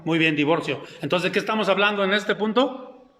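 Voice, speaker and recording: Man, pastor, sermon, high voice, questions the congregation, echoey church hall. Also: fairly quick, sharp tone. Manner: keeps quizzing the congregation. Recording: echoey hall with long reverb.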